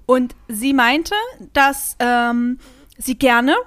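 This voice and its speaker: A woman from Germany telling a workplace story in casual chat, lively and full of fillers. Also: on the high side, very slow, no room sound. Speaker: podcast co-host telling a story.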